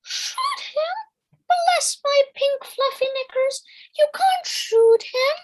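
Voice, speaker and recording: An elderly grandmother otter for an audio play. The voice is extremely high and squeaky, slow and fussy, like a hospitable old hostess. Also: expressive, exaggerated voice. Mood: shocked. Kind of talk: amateur audio play acting.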